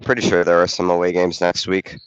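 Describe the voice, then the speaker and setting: In a school gym during a basketball game, a man volunteers both as play-by-play commentator and camera operator, chatting and thinking aloud casually while congested from a cold. His deep voice is completely flat and brisk, with a clean tone and no room sound, though the recording is muffled.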